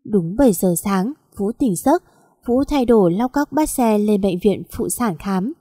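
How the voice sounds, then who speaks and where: A woman's voice: medium pitch, expressive, measured pace, mellow, breathy edge, no room sound, clean studio sound. A woman narrating a sad story in a plaintive, emotional reading.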